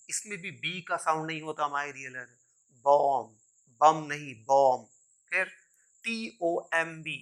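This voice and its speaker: Slow, bright-voiced teacher. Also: male voice, fairly high pitch, smooth. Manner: spells words letter by letter, then repeats the right pronunciation; mixes Hindi and English, often saying "my dear learners". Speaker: English teacher. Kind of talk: pronunciation lesson.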